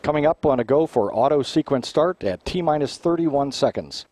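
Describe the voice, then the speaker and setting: Guy doing formal rocket launch countdown commentary, measured announcer delivery, dry audio. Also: on the high side, animated, a little mellow, dry recording. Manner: measured, clearly announced, technical.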